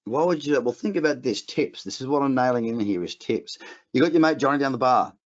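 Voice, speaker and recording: An Australian man runs a casual webinar lesson at a middling pitch, talking bluntly and circling back with restarts. The audio is dull and lo-fi, like a muffled online stream. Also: lively intonation, quick pace. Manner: rambling, blunt, frequent restarts. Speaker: trading educator.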